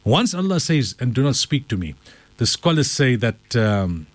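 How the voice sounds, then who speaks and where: Lively man teaching Quran commentary. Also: medium pitch, no room sound. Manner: recites Arabic verses rapidly, then explains in English; animated, dramatizes the verses.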